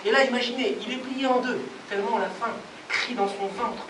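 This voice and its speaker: A man storyteller telling a folk tale live, expressive and rhythmic, speaking directly to the audience. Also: very high-pitched, fairly quick. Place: live performance venue. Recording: distant roomy live recording, noisy.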